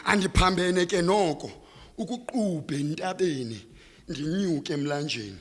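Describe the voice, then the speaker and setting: A South African slam poet with a Xhosa accent performs rhythmic, declamatory spoken word on stage, his fairly high, expressive voice carrying a breathy edge at a measured pace. His delivery is impassioned and dramatic, swelling from a hush to full volume, captured live in a reverberant hall.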